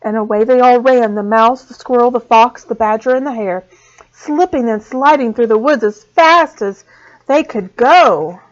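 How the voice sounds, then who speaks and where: A woman teacher reading a storybook aloud to small children, expressive and slow. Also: fairly high pitch. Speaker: preschool teacher. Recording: dull lo-fi sound.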